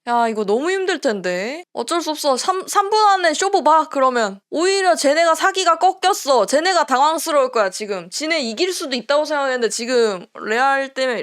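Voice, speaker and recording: High voice lady doing a live soccer reaction stream, super emotional, swears a lot, yells at the team. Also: very animated, a little fast, hardly any pauses, no echo, studio quality. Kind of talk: live match reaction commentary.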